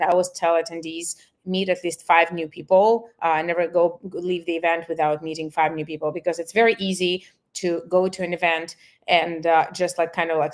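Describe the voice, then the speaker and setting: Low-voiced woman presenting. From Russia. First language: Russian. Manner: earnest, with frequent "uh" fillers. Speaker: events marketer presenting. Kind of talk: webinar presentation.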